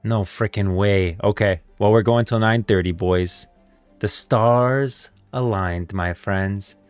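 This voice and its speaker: Taking his time, a man with a lowish, clean-toned voice hosts a livestream and chats casually, thinking out loud in slang and calling viewers guys and bros. There's no room sound, just faint background music.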